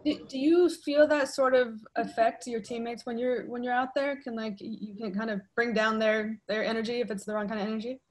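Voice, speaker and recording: A woman reporter asking a question in a halting way, restarting her sentences. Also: fairly high pitch, fairly even intonation, low-quality recording. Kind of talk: press conference question.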